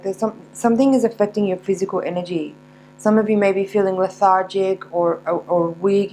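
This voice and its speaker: A woman giving a mystical horoscope tarot reading, unscripted, in a searching, halting manner with repeated words. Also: medium pitch, a little mellow, slight background noise, rough recording. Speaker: tarot reader.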